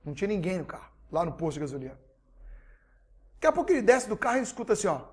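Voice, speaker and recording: Energetic coach. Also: male voice, high-pitched, very fast. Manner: energetic, addresses audience directly, swings between soft and loud. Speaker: behavioral coach. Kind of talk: motivational webinar talk.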